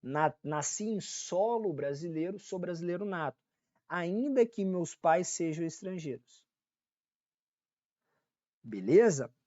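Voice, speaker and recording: His voice sits high and is expressive and dark, slow, with long pauses; the recording has no echo and the highs are cut off. This Brazilian Portuguese-accented man teaches law in a casual online exam-prep lecture, repeating the core points, checking in frequently and correcting himself.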